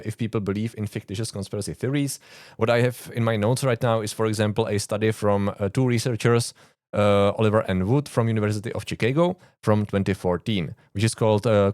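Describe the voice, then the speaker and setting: A Czech-accented YouTube host and conspiracy researcher delivers an explainer monologue to camera. His low voice is dry and darkish, and he comes across as earnest and informal, with frequent "uh" fillers and dry asides. The recording is dry.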